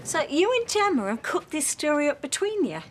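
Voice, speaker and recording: A woman's voice: high-pitched, sing-song, brisk. An actress playing a defensive mother, lecturing her daughter in a stern, insistent way.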